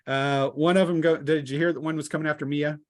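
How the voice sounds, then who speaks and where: A man with a slightly high voice talks fast in a steady tone while game-mastering a tabletop RPG. Over an online group call from home, he narrates combat and walks through rules casually, his close mic capturing the internet call.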